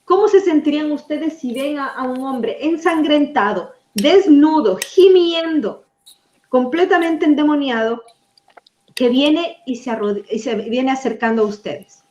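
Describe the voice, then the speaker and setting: Woman preacher, high voice, conversational Bible teaching, lively, asks the audience questions, echoey room. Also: moderate pace.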